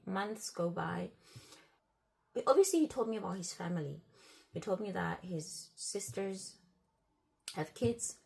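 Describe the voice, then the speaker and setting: A woman with a mid-range, creaky, husky voice tells a personal story casually and chattily. She replays conversations with "I'm like" and "he's like," repeating and restarting phrases as she goes.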